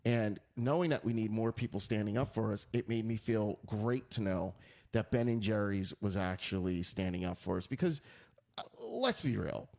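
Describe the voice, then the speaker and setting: A man hosting a casual talk show, animated and given to repeating himself and laughing loudly. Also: lowish voice, moderate pace, gravelly. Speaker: host.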